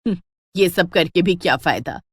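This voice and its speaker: A woman voicing a proud, jealous middle-aged mother-in-law in a cartoon story, scolding and shrill when angry. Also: lively intonation, normal speed, slightly rough, no room sound.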